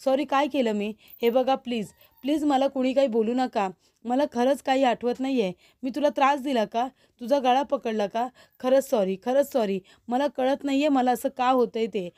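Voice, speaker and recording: A woman's voice: high voice, moderate pace, darkish tone, lightly acted. A woman voicing a scared, confused young woman who keeps asking what happened, in a retold TV serial. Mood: frightened. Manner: anxious questioning.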